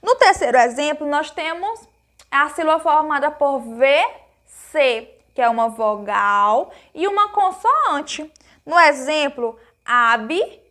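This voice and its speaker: A Brazilian woman with a high, light voice gives a recorded grammar lesson to small children. She explains each point slowly and patiently, asks her pupils questions and answers them herself. She is affectionate and uses lots of diminutives. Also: animated, pushed and bright. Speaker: primary school teacher.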